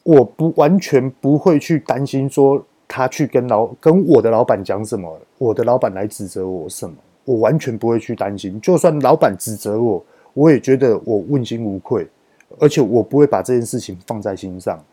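A man with a Taiwanese Mandarin accent, telling a work story as a podcast host in a casual, animated way, stretching his sentence-final particles for emphasis. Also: mid-range voice, moderate pace, slightly rough.

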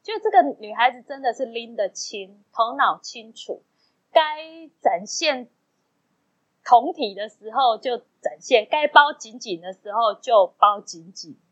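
A podcast co-host tells stories in Taiwanese Mandarin during a casual chat, animatedly acting out the dialogue she quotes. Her voice is on the high side and unhurried. The sound is dull and lo-fi.

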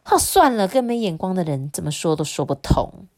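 A woman voicing a cheeky talking rice cooker who is a little girl, squeaky and teasing in a storybook. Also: sing-song, brisk, darkish tone. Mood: huffy.

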